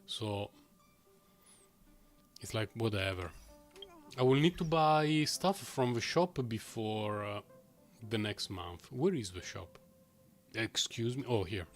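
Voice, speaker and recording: A man's voice: lowish voice, animated, slow pace, pauses often, faint music behind. A man chatting casually while live-streaming video games, rambling and often chuckling to himself. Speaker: game streamer.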